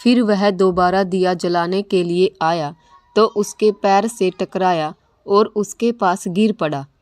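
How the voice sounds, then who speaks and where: A woman reading a family story aloud in a slow, even storytelling voice. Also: lowish voice, no room sound, studio quality. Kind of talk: scripted narration.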